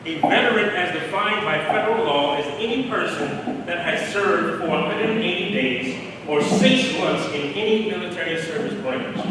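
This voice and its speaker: A man giving a keynote speech in formal, measured oratory. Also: on the high side, background noise. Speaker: keynote speaker. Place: large hall. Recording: echoey hall from far off.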